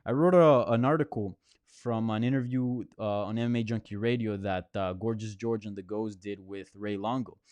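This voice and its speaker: A man's voice: on the low side, moderate pace, a little mellow, clean tone, no room sound, muffled recording. A man hosting a live question-and-answer stream, talking casually with lots of fillers and restarts. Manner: rambling, many restarts and fillers; conversational, answering viewer questions. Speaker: host. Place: apartment near a hospital.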